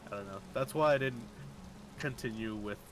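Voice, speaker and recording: A man streaming a game and chatting casually, wry and quick to laugh. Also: medium pitch, a bit bright, a little hiss or hum, low-quality recording. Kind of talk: casual gaming chat.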